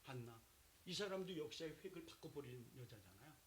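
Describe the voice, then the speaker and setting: A man preaching a sermon as pastor, dropping to quiet asides and then shouting, acting out the people in his story with voices. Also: a little fast, slight background noise, poor audio. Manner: animated, swings from low asides to loud shouts.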